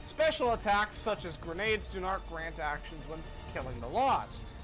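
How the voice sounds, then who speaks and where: High-voiced man rambling over gameplay. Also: big pitch swings, normal speed, low-quality recording. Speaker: gaming commentator. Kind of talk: casual gameplay commentary. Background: faint game music.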